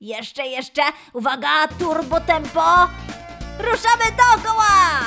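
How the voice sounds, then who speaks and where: A woman's voice: extremely high pitch, soft background music, heavily acted. A woman voicing Lolek, a bubbly lion mascot. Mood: cheerful. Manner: excited, sing-song cheering, drawn-out calls. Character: cheery male lion mascot leading kids' dance. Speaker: children's dance and gymnastics leader. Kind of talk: children's exercise instruction.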